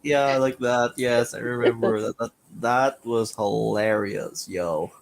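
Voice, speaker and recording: A woman's voice: extremely low pitch, fairly even intonation, slow pace. A woman co-hosting a casual live stream, laughing a lot, saying "like" often and repeating her words.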